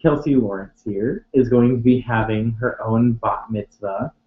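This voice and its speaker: A man's voice: medium pitch, measured pace. Man, 20s, co-host, sarcastic, rambling, slightly tipsy, tinny lo-fi, echoey room. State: tipsy from wine. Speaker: advice show co-host. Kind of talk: casual joking chat.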